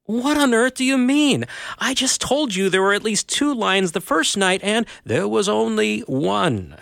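Man doing a timid young boy, higher pitched, pleading, dry close sound. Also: lively intonation, a little slow, gravelly, a bit bright, dry recording, exaggerated voice. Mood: incredulous. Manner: high, pleading questions. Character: frightened, weary young boy.

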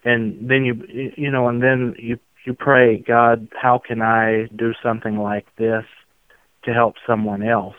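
A man from Tennessee with a slow, unflappable Southern drawl, talking reflectively as an interview guest. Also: mid-range voice, little pitch movement, clear, resonant tone, no echo. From outskirts of Memphis, Tennessee. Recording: muffled narrow phone-like line.

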